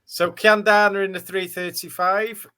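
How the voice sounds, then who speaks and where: A man's voice: sits high, little pitch movement, a little slow, pushed and bright, clean tone. A man hosting a casual racing tips chat, upbeat and steering the talk. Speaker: show host.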